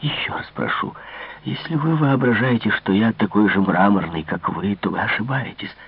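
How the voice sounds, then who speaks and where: A tormented young king, jealous and anguished, speaking low in a hushed, breathy whisper, as a man reads him. The husky voice sits dark and close. The recording is dull and dry. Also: big pitch swings, normal speed, no room sound, heavily acted.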